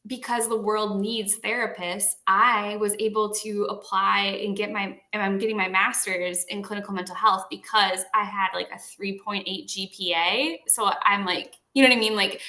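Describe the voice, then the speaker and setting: A woman in her thirties hosting a casual interview, enthusiastic and encouraging toward her guest. Her voice is bright and forward. The room adds a noticeable echo. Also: mid-range voice. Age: 30s. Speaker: podcast host. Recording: roomy echo.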